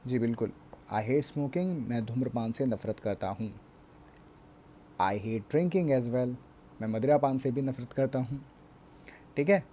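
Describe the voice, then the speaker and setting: A man with an Indian English accent teaching a bilingual grammar lesson, explaining slowly and checking in with his class again and again. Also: mid-range voice, dark tone, slight background noise.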